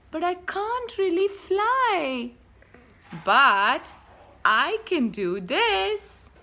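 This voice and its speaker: A young woman reads a picture book aloud to her child in a high, bright voice. Her pitch swoops widely as she gasps and plays with the words. She takes her time over every line. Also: extremely slow. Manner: animated, gasping, playful with bird calls.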